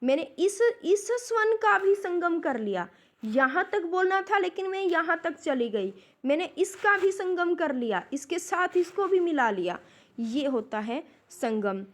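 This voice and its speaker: Slow, high-voiced woman lecturing. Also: lively intonation. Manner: slow, deliberate teacher's explanations with rhetorical questions. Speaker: Hindi literature lecturer. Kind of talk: classroom lecture.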